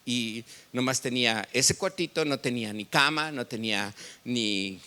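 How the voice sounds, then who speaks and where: A man's voice: medium pitch, measured pace, bright, forceful tone, smooth. A man with a Mexican accent preaching a sermon as pastor, telling stories in a conversational way and quizzing the congregation.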